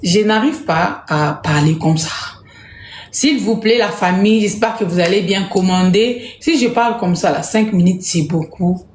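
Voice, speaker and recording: A woman from Congo hosting a casual live stream to sell jerseys, speaking softly and repeating herself. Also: medium pitch, moderate pace, roomy sound, slight background noise. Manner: soft-spoken, repeats herself. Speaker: livestream host selling jerseys. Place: home room, indoors.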